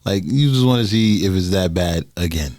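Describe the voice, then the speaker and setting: A man's voice: normal speed, no room sound. A man co-hosting a podcast, talking animatedly and laughing as he makes his points. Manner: animated, laughing, breaks into high sung bits. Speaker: podcast co-host. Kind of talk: casual podcast banter.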